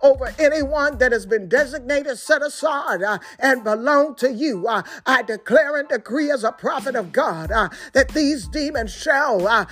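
A woman's voice: sits high, animated, moderate pace, few pauses, a bit bright, soft background music. A woman leading a fervent spoken prayer in a chanting cadence, starting many phrases with "uh". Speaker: prayer leader.

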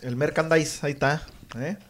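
A man in his thirties with a Tijuana Mexican accent co-hosting a casual podcast, relaxed and slangy, joking and trailing off mid-sentence. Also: on the high side, normal speed. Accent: Northern Mexican, Tijuana. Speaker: podcast co-host. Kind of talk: casual chat.

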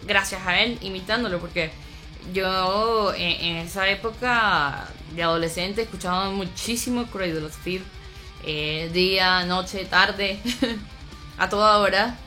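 Bright-voiced Venezuelan woman vocalist. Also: medium pitch, takes it slowly, faint music behind. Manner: reflective, many restarts and fillers. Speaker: metal band vocalist, guest. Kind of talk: casual interview answers.

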